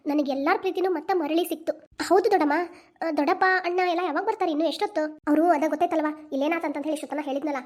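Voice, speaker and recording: A woman's voice: sits high, a little mellow, natural voice. A woman voicing the emotional women of a village family in a cartoon drama, with a North Karnataka accent. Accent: North Karnataka Kannada. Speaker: main voice actor of a cartoon channel.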